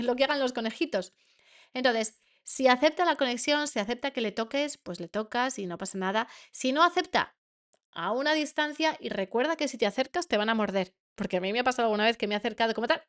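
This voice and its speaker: A woman's voice: on the high side, fairly bright tone. A woman with a Spain Spanish accent, teaching a masterclass to parents as a coach, earnest and repeating words for emphasis.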